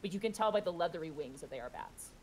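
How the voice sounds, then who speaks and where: A woman with a fairly low voice runs a tabletop role-playing game. She describes scenes conversationally, making them up as she goes. There is faint noise in the recording. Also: animated, fast talker, darkish tone. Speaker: game master. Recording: background noise, room ambience.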